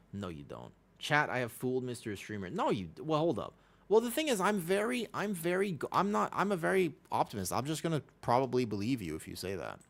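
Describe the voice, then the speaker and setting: A man from Texas livestreaming a game, chatting casually and excitably in slangy speech and often repeating himself. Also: medium pitch, vocal fry. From Texas, United States. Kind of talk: casual chat and gameplay commentary.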